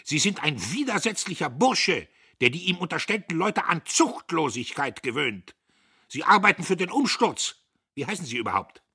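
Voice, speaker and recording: A man voicing a hot-tempered, pompous young factory owner who shouts and scolds his workers in an audiobook. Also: fairly high pitch, big pitch swings, normal speed, breathy edge, dry recording, clean studio sound, voice pushed up, full character voice. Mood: shouting, bullying.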